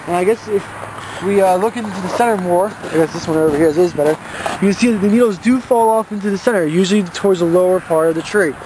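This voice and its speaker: A young man working at a plant nursery, explaining evergreen care outdoors in an unhurried, explanatory way. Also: high-pitched. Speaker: nursery worker. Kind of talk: outdoor product demo and tips. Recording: outdoor camera audio with clear background noise.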